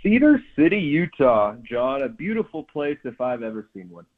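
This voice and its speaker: A man's voice: mid-range voice, sing-song, moderate pace. A man, a play-by-play sports announcer, chatting as a guest on a radio show, calling in over a satellite phone-style line. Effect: remote call over a satellite phone-style line. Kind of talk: casual radio interview. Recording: tinny narrow phone line.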